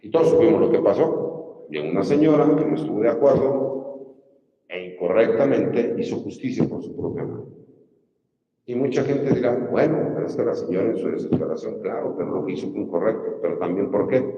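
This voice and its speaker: A man's voice: fairly low pitch, expressive, normal speed, dull audio. Mexican man speaking in an echoey hall. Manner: emphatic, rhetorical questions to listeners. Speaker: judicial candidate. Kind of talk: campaign speech. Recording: distant mic in a reverberant hall.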